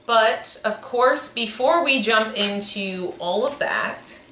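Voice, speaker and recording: A young woman in her twenties, co-hosting a podcast, speaks slowly in a fairly high, sharp-toned voice. Her casual chat rambles, and she often corrects herself. There's echo from the room and faint noise.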